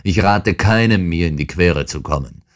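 A man voicing a huge, brutal older man in an audiobook, talking in a rude, shouting, insolent way. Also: deep voice, moderate pace, lightly acted. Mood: threatening. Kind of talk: audiobook character reading.

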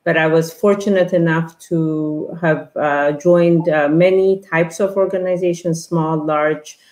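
A woman's voice: sits low, fairly even intonation, a little slow, a little mellow, reverberant. A middle-aged woman from Ethiopia, a guest on an online interview, talking with many fillers and restarts over an earbud headset. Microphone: earbud headset on a video call.

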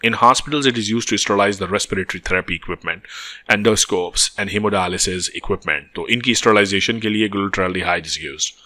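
A man's voice: lowish voice, rapid-fire, sharp tone. A man with a Pakistani accent and native Urdu lectures on medicine, reading textbook material aloud and explaining it as he switches between English and Urdu.

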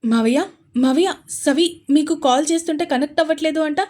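A woman's voice: on the high side, animated, moderate pace, close to an everyday voice. A woman voicing a protective young man, urgent and commanding as he takes charge.

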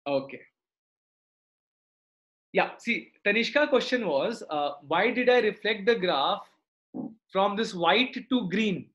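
A man's voice: high-pitched, animated, takes it slowly, long pauses, a bit bright. A middle-aged man with a South Indian accent teaches a live online maths lesson. He explains step by step and often checks that students follow with short tag questions. The sound is dull and lo-fi, like a computer mic on a video call.

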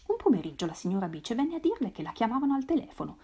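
A woman reading a novel aloud in a measured, expressive way. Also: fairly high pitch, breathy edge. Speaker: reader. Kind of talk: literary read-aloud.

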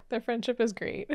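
A young woman hosting an anime reaction, gushing with excitable, giggly comments and gasps. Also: on the high side, vocal fry.

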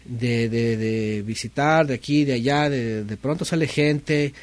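A man's voice: mid-range voice, a little slow, dry recording. A man with a Mexican accent preaching a sermon in a conversational way, often asking rhetorical questions and mimicking people's complaints.

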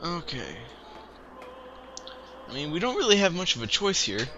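With a shower running and chiptune music in the background, a young man hosts a casual let's-play, wryly shouting playful commands at the characters. His fairly high voice swoops wildly in pitch at a moderate pace, the highs are cut off, and there's background noise.

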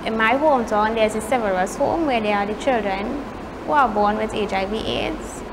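A young Trinidadian woman with a fairly high voice speaks as a pageant contestant. She gives poised, measured, rehearsed-sounding interview answers, with clear background noise behind her. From Trinidad and Tobago. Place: indoor studio set with pageant backdrop.

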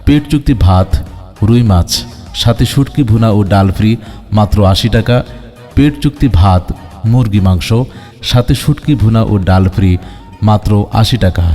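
A man making a promotional announcement over a loudspeaker, declaiming a list of dishes and prices. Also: lowish voice, expressive, normal speed, pauses often. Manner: declaiming, lists items and prices. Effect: through a loudspeaker. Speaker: advertising announcer. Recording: long reverb with background music.

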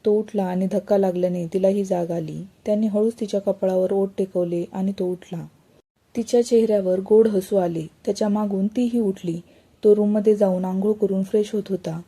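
A woman narrating a romance story at a steady, even pace. Her tone is very dark and mellow, with a husky, breathy grain. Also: medium pitch, a little fast.

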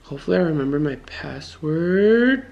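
A man's voice: a little high, animated, normal speed, vocal fry, darkish tone, muffled recording. A man in his twenties chatting casually and nervously to a handheld camera, slangy and half talking to himself. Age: 20s. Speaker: vlogger. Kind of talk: casual vlog chat to camera. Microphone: handheld camera at arm's length.

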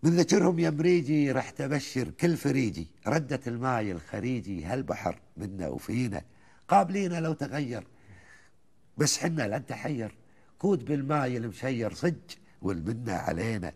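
A man with a Kuwaiti accent, a guest on a TV talk show, reciting colloquial poems in a lively, rhythmic way between bits of chat. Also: mid-range voice, fairly quick. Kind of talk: reciting colloquial poetry in conversation.

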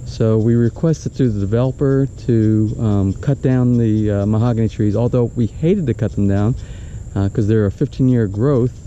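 A man's voice: fairly low pitch, warm tone, muffled recording, slight background noise. An older man walking and talking to a handheld camera outdoors, rambling casually and pointing things out, with many restarts. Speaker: vlogger. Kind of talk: casual walk-and-talk vlog. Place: outdoors on a tropical roadside lot. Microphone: action camera held at arm's length.

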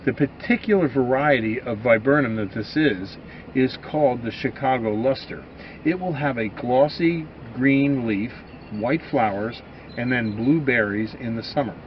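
A man gives a calm, informative walkthrough at a middle pitch. The recording is a little dull. A faint outdoor hum runs underneath. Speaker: farm grower. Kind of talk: casual promotional walkthrough.

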